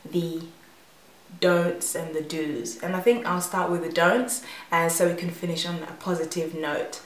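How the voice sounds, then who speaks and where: A woman's voice: on the low side, recorded from a distance. Chatty young woman vlogging in an echoey room. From Uganda. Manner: chatty, animated, with many fillers and restarts. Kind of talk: casual storytelling to camera.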